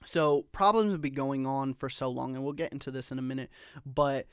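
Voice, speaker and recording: Brief: man, podcast co-host, mid pitch, dry close sound, reflective and opinionated. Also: steady tone, fairly quick, clear, resonant tone, no room sound. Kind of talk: casual chat.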